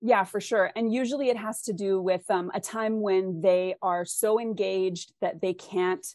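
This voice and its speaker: This guest author, a West Coast American woman, talks through her ideas in a thoughtful, articulate way during an interview, frequently raising questions as she goes. She has a mid-range, slightly mellow voice with fairly even intonation and a somewhat slow pace, captured in a dry, clean studio recording.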